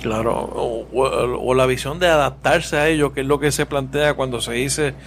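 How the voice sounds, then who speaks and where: Hesitant podcast host. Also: male voice, mid-range voice, steady tone, slight background noise. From Puerto Rico. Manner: hesitant, halting questions with many fillers. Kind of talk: podcast interview.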